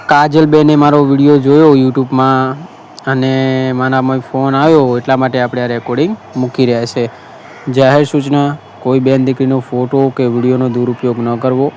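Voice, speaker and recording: A Gujarati-accented man hosts a marriage bureau appeal as a casual monologue, earnestly and repetitively telling a story and quoting the people who called him. His voice is mid-range, a little mellow, with little pitch movement and normal speed, and there's a little hiss or hum in the audio.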